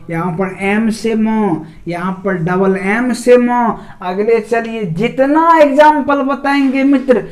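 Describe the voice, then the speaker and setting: A man's voice: very high voice, a bit bright. A man with a Bihari Hindi accent teaching an English grammar lesson. He keeps asking rhetorical questions, answers them himself, and repeats examples syllable by syllable. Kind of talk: classroom video lecture.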